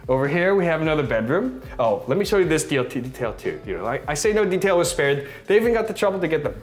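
A man's voice: on the high side, very animated, quick pace, faint music behind. A man in his thirties giving a casual walk-through home tour as a gushing, admiring real estate agent. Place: inside rooms of a modern house, briefly on its balcony.

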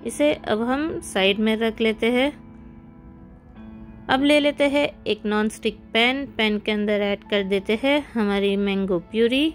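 A woman's voice: a little high, a little slow. A woman hosting a cooking channel, giving friendly step-by-step recipe instructions in a voice-over. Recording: soft background music.

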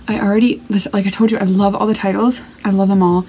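Young female reaction vlogger, mid-pitched, breathless and gushing, faint hum in the background. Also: flat delivery, fast talker, dark tone, poor audio. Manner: gushing, breathless, rambling with fillers. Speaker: reaction video host. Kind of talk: excited music reaction vlog.

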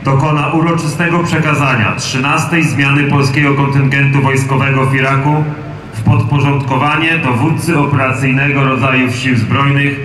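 A man's voice: medium pitch, steady tone, moderate pace, fairly bright tone. A man making formal scripted announcements as the master of a military ceremony. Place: outdoors on a town square. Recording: very echoey outdoor PA, faint noise.

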